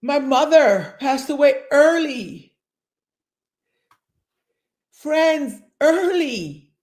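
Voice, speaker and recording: A woman in her sixties talks as a guest about coaching people toward better health. She speaks emphatically and repeats key phrases for effect. Her voice sits somewhat high for a woman. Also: expressive, drawn-out words, a little mellow. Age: 60s. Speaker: fitness and nutrition coach. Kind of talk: interview guest.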